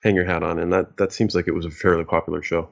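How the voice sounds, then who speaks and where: A man's voice: sits low, little pitch movement, quick pace, vocal fry, muffled recording. A man speaking as a guest on a casual podcast, blunt and joking, swearing freely. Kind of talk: casual chat.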